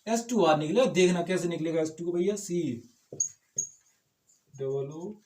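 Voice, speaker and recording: A man's voice: fairly high pitch, expressive, unhurried, darkish tone, echoey room. A man teaching chemistry in a casual lecture style, with motivational asides and constant rhetorical check-ins with his students. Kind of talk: informal classroom lecture.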